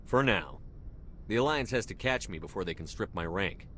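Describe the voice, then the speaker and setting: An actor playing a resolute, plain-spoken military starship commander in a video game, with a terse, direct manner. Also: male voice, low-pitched, animated, normal speed, bright, forceful tone, slight background noise. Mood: wry. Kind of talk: video game dialogue acting. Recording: music behind the voice.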